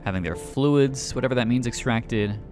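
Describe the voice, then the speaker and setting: A man's voice: medium pitch, moderate pace, over music. A man giving casual let's play commentary, thinking aloud and reading game notes. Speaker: gaming YouTuber.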